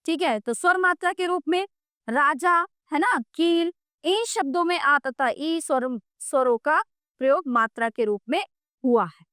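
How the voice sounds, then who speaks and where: A woman's voice: high voice, a bit bright, dry recording, studio quality. A woman teaching a grammar lesson, explaining patiently and often checking in with the listener.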